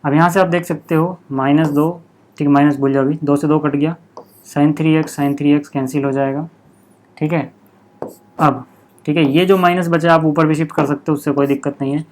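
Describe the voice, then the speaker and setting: A man teaching a maths lesson step by step, checking in constantly with "okay" and repeating the key steps slowly. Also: fairly high pitch, steady tone, a little mellow.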